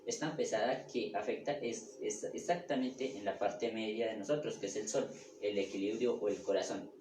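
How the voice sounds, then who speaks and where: A man's voice: on the low side, fairly even intonation, moderate pace. A man giving a spiritual lecture, often checking in with the listeners and repeating his phrases. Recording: echoey room with background noise.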